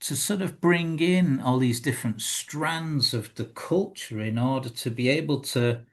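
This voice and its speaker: Male interviewer, medium pitch, thoughtful, reflective, conversational, searching for words. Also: a little slow.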